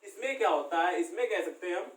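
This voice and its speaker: A man's voice: high-pitched, expressive, fast. A man teaching a classroom lesson, asking questions and answering them himself. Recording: echoey room, far from the mic.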